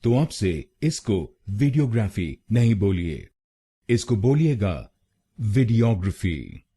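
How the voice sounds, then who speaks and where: A man with an Indian accent giving a slow, deliberate pronunciation lesson, breaking a word into syllables and repeating each one. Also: mid-range voice, animated, dark tone, slightly rough. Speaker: pronunciation teacher.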